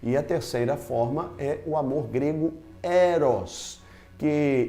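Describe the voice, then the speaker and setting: A man's voice: mid-range voice, dark tone. A man teaching a Bible lesson, explaining each point step by step with emphasis.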